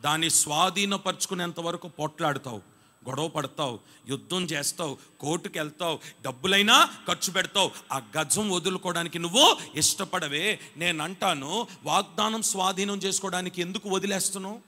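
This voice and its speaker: A male pastor delivers a Sunday sermon in a high-pitched, bright voice. He moves from quiet, confiding storytelling to fervent shouted exhortations, pressing his listeners to answer back. The live recording carries a long church-hall reverb. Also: fairly quick. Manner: rises from quiet storytelling to shouted exhortation, urging the congregation to respond.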